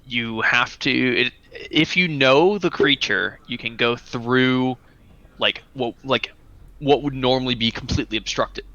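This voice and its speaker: A man's voice: medium pitch, measured pace, pushed and bright, no echo, highs cut off. A man playing a tabletop game, chatting casually with lots of fillers and giggles.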